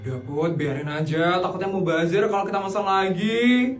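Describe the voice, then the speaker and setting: A man speaking calmly and disapprovingly in a comedy skit, in an echoey room. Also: sits high, normal speed. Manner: calm, disapproving. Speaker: skit actor. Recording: echoey room with loud music behind.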